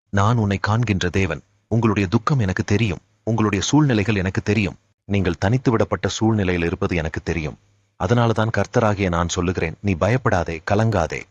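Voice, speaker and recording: A man's voice: fairly low pitch, dry recording. A man delivering a devotional message in God's voice, solemn and comforting, addressing listeners as his daughters and sons. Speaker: devotional speaker. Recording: dull, lo-fi and dry.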